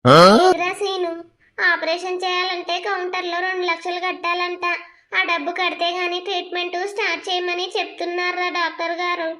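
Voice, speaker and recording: A woman's voice: very high voice, monotone, brisk, sharp tone. A woman voicing Lakshmi, a young village wife in a cartoon family drama, pleading and anxious as she begs for help. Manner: imploring, tearful pleading.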